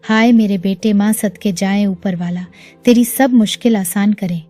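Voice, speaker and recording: A frail, doting older mother in a sad family storybook tale, as a woman narrator puts her on. Her voice is mellow and warm and her words are soft and loving. Faint music plays underneath. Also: medium pitch, fairly even intonation, measured pace, natural voice. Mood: tender. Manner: affectionate, softly doting.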